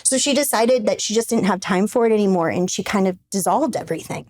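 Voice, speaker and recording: A woman's voice: medium pitch, animated, quick pace, a little mellow. A woman, a brand founder, talking as a podcast guest in a casual, chatty way, full of fillers and restarts.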